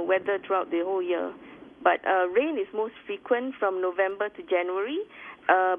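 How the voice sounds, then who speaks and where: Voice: mid-range voice, gravelly. A tourism executive giving hesitant, explanatory answers in a radio interview by phone. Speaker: tourism board executive guest. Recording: tinny phone line, faint noise.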